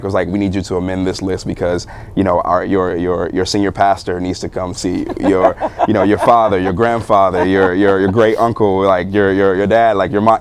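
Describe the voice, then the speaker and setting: A young man, a guest on a talk show, telling his story in a loose, animated way, with many fillers and bursts of laughter. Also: deep voice, smooth. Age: young adult. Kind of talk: casual storytelling interview.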